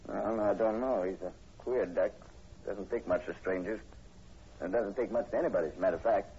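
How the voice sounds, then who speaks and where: On a muffled, hissy old radio recording, an actor takes the role of a skeptical state police sergeant in a 1940s horror drama, delivering lines in a folksy, matter-of-fact way. His natural-sounding voice is lowish and dark in tone, and he speaks briskly.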